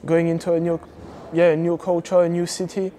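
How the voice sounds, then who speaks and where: Young man from France, French native speaker, slightly high mellow voice, laid-back interview chat on a lapel mic. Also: normal speed. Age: young adult. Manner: relaxed, many fillers and repeated yeahs. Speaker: footballer guest. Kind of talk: casual interview. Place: indoor football training hall. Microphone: clip-on lapel mic.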